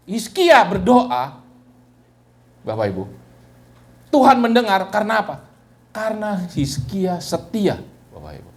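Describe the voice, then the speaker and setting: A male pastor preaching a sermon in a church, speaking animatedly and often turning to address the congregation directly. His voice drops low and soft on repeated refrains.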